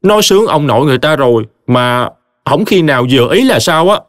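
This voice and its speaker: A man's voice: fairly high pitch, animated, fairly quick, no echo, studio quality, pitched above the performer's own voice, close to an everyday voice. A man voicing a brash, blustering young husband from a village, ranting. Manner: loud, ranting, complaining.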